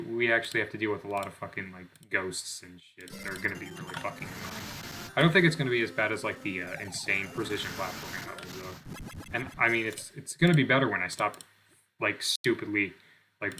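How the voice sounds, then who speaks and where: Against a noisy background, a young gaming channel host with a lowish voice talks quickly. His casual gameplay commentary is rambling and filler-heavy, and he swears often while mocking himself.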